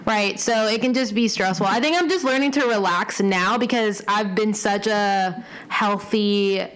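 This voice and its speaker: A woman's voice: medium pitch, measured pace, fairly bright tone, rough recording. A young woman in casual chat, rambling with many fillers and casual swearing.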